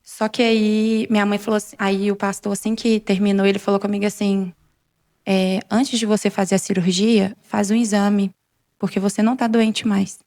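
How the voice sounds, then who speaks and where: A woman's voice: medium pitch, level tone, normal speed, a little mellow, no echo, clean studio sound. A young adult woman, a guest on a faith show, telling her personal testimony and acting out quoted exchanges in a conversational way. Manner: retells events with many quoted exchanges in a conversational way.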